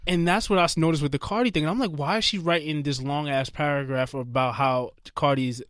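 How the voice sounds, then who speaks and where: A man's voice: fairly high pitch, fairly even intonation, a little fast, a bit bright, smooth, no room sound, studio quality. A man co-hosting a podcast in casual chat, easygoing and rambling, often restarting his sentences. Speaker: podcast co-host. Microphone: studio mic with headphones.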